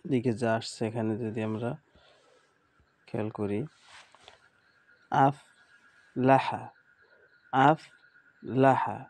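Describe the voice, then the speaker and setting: A man's voice: medium pitch, warm tone. A man teaching an online Quran reading lesson, patiently sounding out syllables one by one and speaking to his students as a group. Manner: uses pious phrases, addresses students as a group.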